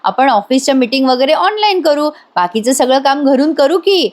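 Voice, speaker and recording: A woman's voice: high-pitched, animated, normal speed. A woman voicing a friendly, agreeable male colleague.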